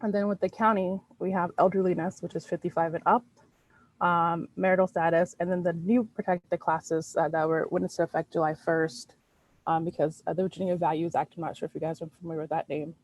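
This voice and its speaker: A woman's voice: lowish voice, flat delivery, brisk, a little mellow, dry recording, low-quality recording. A woman giving an informal presentation on fair housing over a video call, with many ums and restarts. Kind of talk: presentation at an online meeting.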